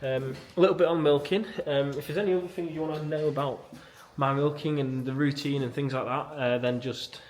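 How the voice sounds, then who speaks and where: A man's voice: on the high side, brisk, hardly any pauses. A man, a dairy farmer, chatting casually while he works in a milking parlour, rambling with plenty of fillers into a handheld camera. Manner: relaxed, rambling, many fillers, explaining as he works. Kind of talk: casual walk-through vlog while working. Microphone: handheld camera mic. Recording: loud machinery noise in milking parlour. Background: running milking machinery.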